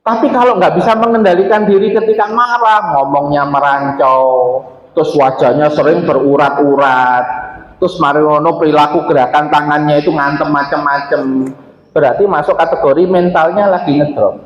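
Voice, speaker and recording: A man with an East Javanese accent giving a lively, joking sermon to a mosque congregation. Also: a little high, moderate pace. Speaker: Islamic preacher. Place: large mosque hall. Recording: echoey, dull mosque sound.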